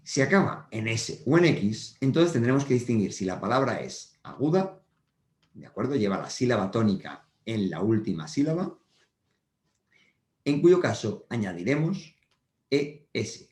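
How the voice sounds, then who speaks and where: A man's voice: medium pitch, big pitch swings, moderate pace, darkish tone. A man giving a patient whiteboard grammar lesson to schoolchildren, repeating each point and checking in often. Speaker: primary school teacher. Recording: roomy echo.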